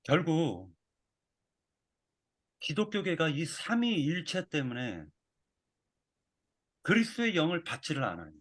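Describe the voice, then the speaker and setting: A man giving a sermon with a measured, reflective delivery. He pauses often and restarts phrases as he works through a thought. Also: fairly high pitch, sing-song. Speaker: preacher.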